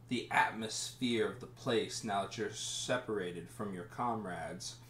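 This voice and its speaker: Young guy running a tabletop game, slow descriptive narration, lowish voice. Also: fairly bright tone, echoey room, slight background noise. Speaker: game master.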